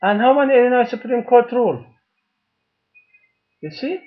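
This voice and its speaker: A man making a personal video appeal to the camera as a father, talking in halting, emphatic, repetitive phrases while he holds up documents. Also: extremely high pitch, animated, phone-quality sound.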